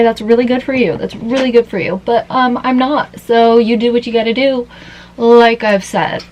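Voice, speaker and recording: A woman's voice: medium pitch, poor audio. Young woman, makeup vlog, tired after no sleep, rambling chatter, faint background hiss. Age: young adult. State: tired after an all-nighter. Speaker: vlogger. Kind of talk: casual makeup vlog chat.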